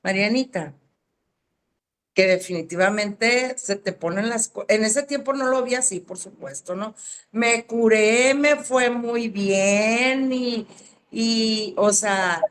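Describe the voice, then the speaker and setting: A woman's voice: fairly high pitch, slow. A woman, a student chatting casually and often tagging her sentences with questions. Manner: chatty, adds tag questions. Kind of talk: casual chat.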